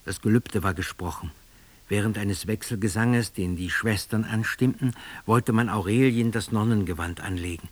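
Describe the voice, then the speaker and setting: A man's voice: fairly low pitch, moderate pace. A man narrating a literary text aloud in an intense, theatrical first-person dramatic reading.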